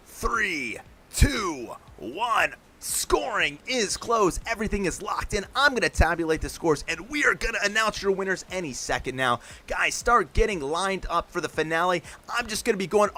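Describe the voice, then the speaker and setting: A man hosting a live stream, calling play-by-play commentary with energetic hype and talking straight to his chat. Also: sits high, slight background noise. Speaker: stream host and announcer.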